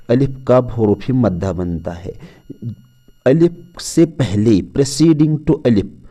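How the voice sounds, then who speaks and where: A man delivers a calm pronunciation lesson at an unhurried pace, his voice mellow and dark. He patiently repeats each rule and stretches out every example sound so a learner can follow. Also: fairly low pitch. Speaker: Quran pronunciation teacher. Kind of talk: slow step-by-step lesson.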